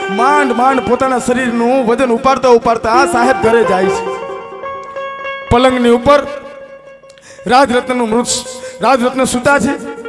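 A man with a Kathiawadi Gujarati accent telling a folk story with music in an impassioned, declamatory way, moving from hushed to shouting. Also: extremely high pitch, steady tone, unhurried, pauses often. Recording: music playing behind.

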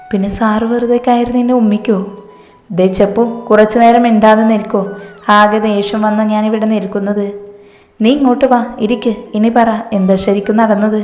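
Woman reading a romance story, flat voice. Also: mid-range voice, reverberant. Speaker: story narrator. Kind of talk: reading a romance story aloud, doing all characters.

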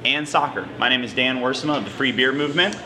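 A man's voice: medium pitch, fast talker, crowd noise. A man hosting a casual beer and soccer show, introducing guests in an upbeat, friendly way. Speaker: show host. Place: brewery and outdoor tailgate. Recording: loud music bed under voice.

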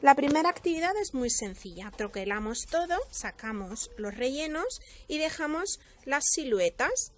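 A woman from Spain, an English teacher giving a slow pronunciation lesson, modeling words carefully and explaining them. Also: high-pitched, very animated, slight background noise.

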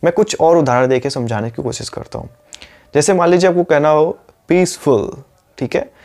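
Explaining in Hindi, a man with an Indian English accent and a slightly high, slightly mellow voice gives a YouTube pronunciation lesson. He patiently repeats each word slowly and often checks in with rhetorical questions about whether the viewer is keeping up.

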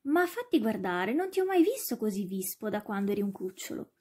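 A woman voicing a frightened young boy who calls out in high, breathless bursts while chasing his dog. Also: sing-song, a little fast, mellow, slightly rough. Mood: astonished.

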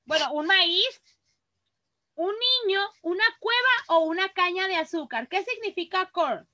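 Very high-voiced Mexican teacher, slow and bright. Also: female voice, expressive, dull audio. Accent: Mexican Spanish. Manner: patient, reads words aloud slowly and clearly. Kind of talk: online class for children.

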